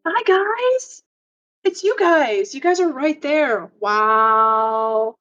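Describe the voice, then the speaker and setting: A woman livestreamer chatting casually with friends in a playful, animated gamer-girl manner. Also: high voice, extremely slow, dull audio, soft background music. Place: home office.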